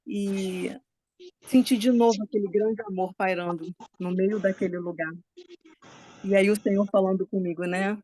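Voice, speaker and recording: A woman's voice: mid-range voice, steady tone, moderate pace, dark tone, no room sound. A woman giving a religious testimony to a group, fervent and chatty, often checking in with her listeners. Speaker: guest speaker sharing a testimony.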